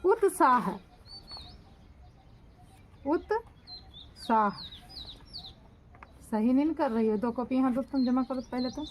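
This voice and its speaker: A woman home tutor, slowly correcting a dictation and spelling words out syllable by syllable. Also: high-pitched, a little hiss or hum.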